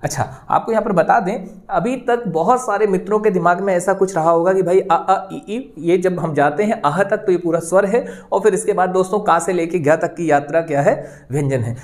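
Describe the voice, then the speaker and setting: A man from India teaches an exam-prep grammar lesson, explaining step by step in a reassuring way and checking often that students are keeping up. He repeats "okay" and "friends" a lot. His voice sits high and runs a little fast, with hardly any pauses.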